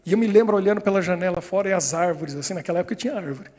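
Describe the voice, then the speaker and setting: A Brazilian man in his fifties, a pastor telling a story in a sermon, with a high, slightly husky voice. He acts out the people in his story with animated voices, and his words ring out with the long reverb of a church hall. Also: rapid-fire. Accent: Brazilian Portuguese. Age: 50s.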